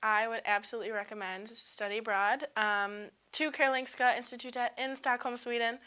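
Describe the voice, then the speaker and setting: Young female student, twenties, crisp bright tone, casual upbeat testimonial delivery. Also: a little high, fairly even intonation, brisk. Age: 20s. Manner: upbeat, casual, frequent ums and likes. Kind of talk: unscripted testimonial.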